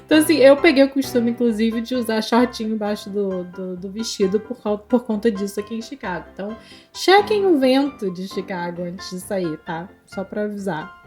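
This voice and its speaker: A woman's voice: medium pitch, lively intonation, brisk, a little mellow. Chatty woman, music behind. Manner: chatty, giving friendly advice with laughs. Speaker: podcast co-host. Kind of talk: casual podcast chat.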